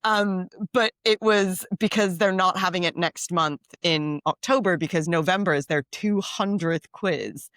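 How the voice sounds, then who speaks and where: A woman with a cold co-hosts a podcast in easygoing chat, her voice pitched on the low side. She is talkative and laughs easily, often repeating a phrase back. The sound is close and dry, with no room around it. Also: unhurried, hardly any pauses, a bit bright, no room sound. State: has a cold. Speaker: podcast co-host.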